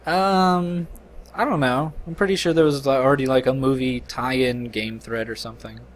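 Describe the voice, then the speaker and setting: A man's voice: mid-range voice, fairly even intonation, moderate pace. A man hosting a let's play, joking and rambling crudely with his co-commentator over the game. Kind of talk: casual commentary over gameplay.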